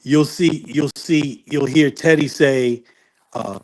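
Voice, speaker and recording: A man with a fairly high, slightly mellow voice speaks slowly and in a steady tone on a podcast. In a casual storytelling chat, he rambles through music-industry anecdotes, correcting himself as he goes.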